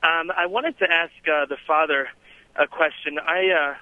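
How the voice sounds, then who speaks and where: A man's voice: on the high side, fairly even intonation, moderate pace, no echo. A young man calling in to a radio talk show over a clipped phone line, asking a question in a hesitant, earnest and polite way. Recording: tinny telephone call-in line.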